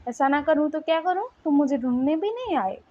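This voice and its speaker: Woman doing a whiny pouty young guy, highish voice, kinda muffled audio. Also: expressive, brisk. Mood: pouting. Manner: whiny, complaining. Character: sulky young man, pouting and tearful.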